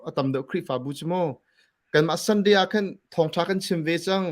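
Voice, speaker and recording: A man gives a relaxed church ministry talk, dropping English terms into his sentences. His voice sits a little higher than most men's. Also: moderate pace. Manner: relaxed, mixes English words into speech.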